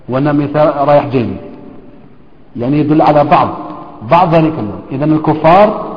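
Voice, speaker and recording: A man explains scripture at an unhurried pace, his voice sitting somewhat high. He poses questions to his listeners and repeats his points. The sound is dull and lo-fi, ringing in a large, reverberant hall. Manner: slow, deliberate explaining with rhetorical questions and repetition. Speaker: religious teacher. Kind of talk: Quran commentary lesson.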